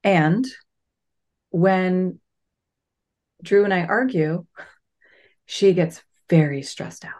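A woman's voice: lowish voice, fairly even intonation, extremely slow, pauses often, a little mellow. A woman chatting in an enthusiastic, affectionate way and asking for advice. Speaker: guest asking questions. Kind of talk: casual chat.

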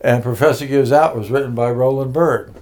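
A man's voice: mid-range voice, a little fast, a little mellow. Older man rambling through his life story. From Connecticut. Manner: rambling, many fillers and restarts. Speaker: interview guest, music producer. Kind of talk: casual interview, life story.

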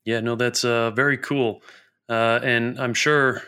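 Bright smooth man asking questions. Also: mid-range voice, fairly even intonation, unhurried. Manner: friendly, rambling questions. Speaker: podcast co-host. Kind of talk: casual interview questions.

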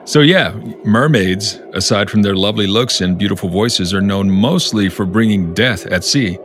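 A man's voice: fairly low pitch, normal speed, fairly bright tone, a little hiss or hum. A man co-hosting a podcast in casual banter, teasing and wisecracking. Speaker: podcast co-host.

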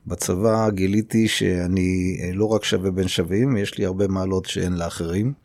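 A middle-aged man from Israel, a mayor guesting on a podcast, telling his life story with many pauses and fillers. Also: low voice, steady tone, a little mellow, no echo. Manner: unhurried, many hesitation fillers. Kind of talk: conversational interview.

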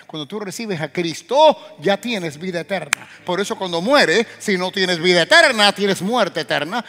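Male pastor, sermon delivery, high ringing voice with sudden loud surges; reverberant hall, soft music bed. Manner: preaching with sudden loud rising bursts and direct questions to the congregation.

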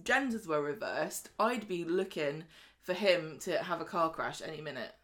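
Speaking in a low, animated, slightly bright voice, a female podcast co-host chats loosely about a soap opera. She recaps the plot and acts out characters' dialogue in rapid voices.

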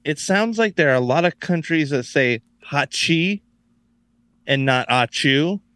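A man in casual chat with a dry, deadpan joking manner. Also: on the high side, unhurried, dry recording.

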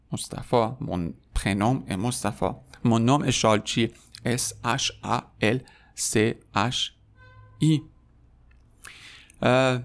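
A man in his thirties from Iran, a French teacher giving a podcast lesson, saying French phrases slowly and clearly and explaining them quickly in Persian. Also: medium pitch. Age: 30s.

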